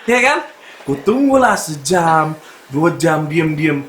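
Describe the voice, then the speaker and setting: A man with a Palembang accent performing a stand-up comedy set, telling his story with big swings between shouts and low asides. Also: big pitch swings, slow pace. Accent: Palembang Malay. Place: stage at a live comedy show. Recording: echoey venue, loud background noise.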